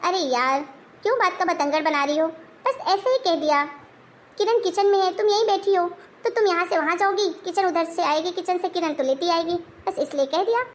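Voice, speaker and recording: A woman's voice: very high-pitched, a little fast, slight background noise. A woman voicing an exasperated young husband who pleads and sighs in a family story. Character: exasperated young husband, patient but fed up.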